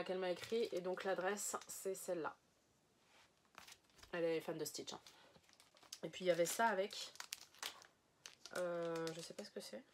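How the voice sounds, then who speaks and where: A woman's voice: fairly low pitch, a little hiss or hum. A woman chatting casually as she unboxes items for her viewers, rambling a little, with many fillers and self-corrections. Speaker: unboxing vlogger. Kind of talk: casual chat showing items to camera.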